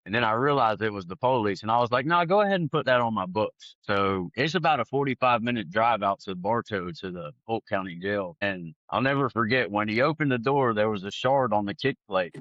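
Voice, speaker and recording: A man telling his testimony in an animated, conversational way. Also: fairly low pitch, brisk, few pauses, dry recording, lo-fi sound. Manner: animated, acts out other people's lines. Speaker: guest sharing his testimony. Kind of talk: conversational storytelling.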